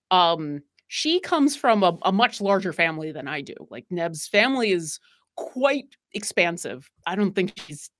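A woman from New York State chatting casually as a podcast guest, often pausing with fillers and restarting her sentences. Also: lowish voice, fairly bright tone. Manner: hesitant, many fillers and restarts. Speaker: podcast guest, tabletop game player. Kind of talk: casual chat.

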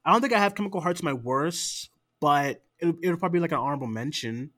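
A man's voice: fairly high pitch, animated, fast talker, a bit bright, no echo. A man co-hosting a late-night podcast in casual, ranting chat, tired and swearing freely. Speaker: podcast co-host.

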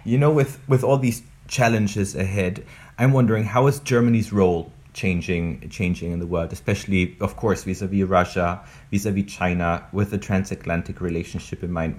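Lower-pitched male interviewer. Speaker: interviewer, host. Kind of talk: moderated political interview.

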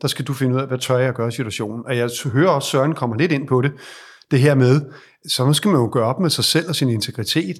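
A Danish man who works as a leadership advisor gives conversational advice in an interview. His voice is medium-pitched and husky, and he explains things at length in a reflective way, often restarting his sentences.

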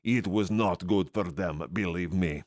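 A woman's voice: a bass voice, unhurried, a little mellow, voice pushed down. Lady faking a russian vampire killer dude, blunt broken english, menacing. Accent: put-on Russian. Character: gruff male Russian vampire slayer, blunt.

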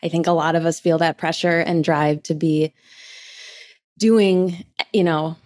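Low-voiced woman hosting a podcast. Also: fairly even intonation, measured pace, darkish tone. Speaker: podcast host. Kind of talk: casual chat.

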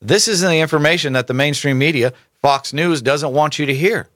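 A man's voice: a little high, a little fast, fairly bright tone, dry recording, clean studio sound. A man hosting casual political commentary, reading articles aloud with emphatic rhetorical asides and stumbling over names. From United States.

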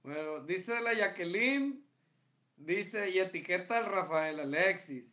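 A man's voice: high voice, expressive, slow pace, pushed and bright. A man with a Mexican accent, co-hosting a casual podcast, reading listener stories aloud and joking about them. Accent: Mexican Spanish. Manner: laughs often, reads aloud and jokes about the text. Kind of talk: casual comedic chat.

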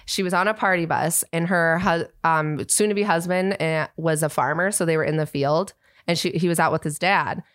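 A woman's voice: deep voice, fairly even intonation, normal speed, a bit bright, no echo, clean studio sound. A young woman co-hosting a podcast, telling stories in a casual, chatty way with lots of fillers. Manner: chatty storyteller, trails off with fillers. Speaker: podcast co-host. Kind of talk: casual chat.

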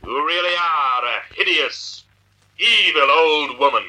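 An actor playing an unseen menacing avenger, stern and accusing, in theatrical vintage radio drama style. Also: male voice, a little high, lively intonation, a little slow, very noisy. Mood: relentless taunting. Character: the Shadow, unseen menacing avenger taunting wrongdoers. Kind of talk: 1940s radio drama acting.

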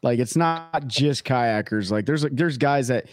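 A man's voice: mid-range voice, a little slow, dry recording, studio quality. A man guesting on a casual podcast, easygoing and joking.

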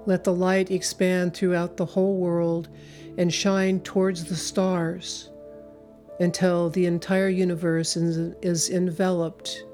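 A woman leading a guided meditation in a slow, soothing, hypnotic way, with long pauses between phrases. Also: lowish voice, flat delivery, mellow, faint music behind. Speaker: spiritual speaker and meditation leader.

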